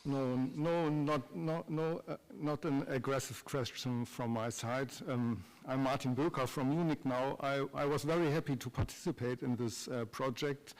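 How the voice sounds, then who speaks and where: A man's voice: mid-range voice, fairly even intonation, moderate pace, hardly any pauses. Hesitant man in a reverberant hall. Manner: hesitant, many ums. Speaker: conference attendee asking questions.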